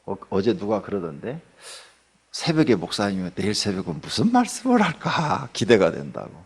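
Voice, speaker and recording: Preaching at a dawn service, this pastor's voice sits on the low side, creaky with a breathy edge, and his pitch swoops wildly at a moderate pace. He chats with the congregation, poses questions, and cracks jokes, voicing everyday people in quotes.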